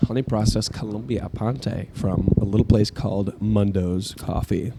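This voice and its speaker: A young man co-hosting a coffee podcast, bantering with deadpan, goofy humor and talking through brewing gear. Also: lowish voice, moderate pace, creaky, heavy background noise. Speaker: podcast co-host. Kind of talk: casual chat.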